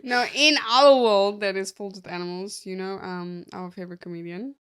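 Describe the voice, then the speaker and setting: A woman co-hosting a casual podcast with a bright, crisp voice at a middle pitch. She is chatty and laughs easily as she talks. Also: brisk. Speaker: podcast co-host. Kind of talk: casual chat.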